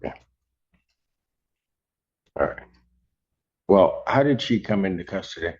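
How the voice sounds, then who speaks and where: Deep-voiced judge in courtroom audio. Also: male voice, expressive, a little mellow, dull audio. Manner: measured, formal, with occasional fillers. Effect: courtroom recording. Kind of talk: reading out court orders.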